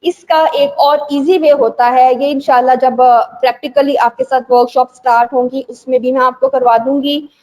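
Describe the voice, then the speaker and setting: High-voiced woman training teachers. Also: fairly even intonation, moderate pace, few pauses, darkish tone, low-quality recording. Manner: patient, repeats and spells out examples, code-switches into English. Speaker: teacher trainer and school owner. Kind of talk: instructional talk to teachers.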